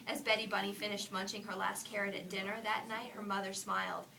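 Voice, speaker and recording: A woman reading a children's picture book aloud, putting on lively character voices and dropping into soft whispered asides. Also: mid-range voice, a little fast, creaky, far from the mic, crowd noise. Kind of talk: read-aloud storytelling.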